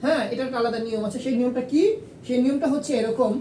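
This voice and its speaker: A woman's voice: rapid-fire, dark tone. A woman teacher explaining a lesson step by step, patiently repeating rules and asking and answering her own questions. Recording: echoey room, far from the mic, faint rumble.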